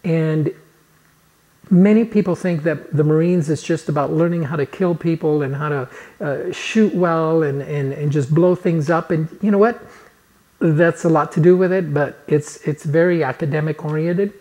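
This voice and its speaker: A personal coach in his fifties, born in Chile, sits on a couch in his living room and tells a personal story in an earnest motivational talk to camera, recorded on a lapel mic. His voice is a little high and warm, with a moderate pace, and he gestures with his hands as he tells the story earnestly.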